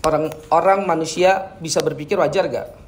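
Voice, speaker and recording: A man's voice: a little high, fairly even intonation, moderate pace, slight background noise. A man teaching students in a classroom lesson, chatty and full of tag questions.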